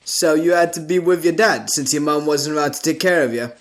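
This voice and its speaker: A man's voice: a little high, brisk, natural voice. A man voicing a crude soldier who earnestly believes in an ancient spirit. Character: male soldier, devout believer, crude and harsh.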